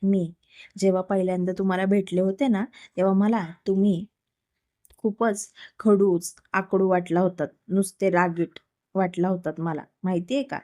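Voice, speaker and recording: Narrator woman reads sweet young wife, gentle coaxing, mellow voice. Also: mid-range voice, little pitch movement, normal speed, no echo, studio quality, close to an everyday voice. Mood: scolding.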